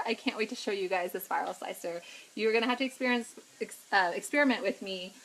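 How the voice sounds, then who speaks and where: A fairly high, slightly bright female voice comes through a rough recording with slight background noise. The speaker is a middle-aged cooking vlogger doing a casual live stream at home, greeting viewers by name and chatting as she cooks.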